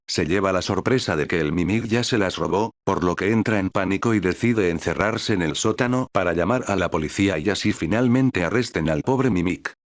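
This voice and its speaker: A man narrating a scripted, comedic game development vlog as its creator, in a casual, slangy, tongue-in-cheek manner. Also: sits low.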